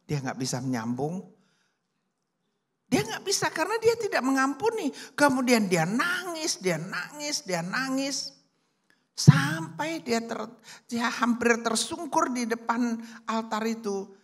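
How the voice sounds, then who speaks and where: Church preacher, lively story-driven delivery with voiced quotes. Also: medium pitch, measured pace, slightly rough. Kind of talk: sermon storytelling. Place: church service.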